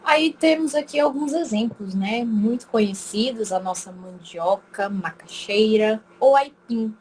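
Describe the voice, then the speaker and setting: Chatty teacher with an Acre accent. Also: female voice, fairly high pitch, measured pace, darkish tone, slight background noise. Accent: Acre Brazilian Portuguese. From Acre, Brazil. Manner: chatty, constantly checking in with students. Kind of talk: remote class lecture.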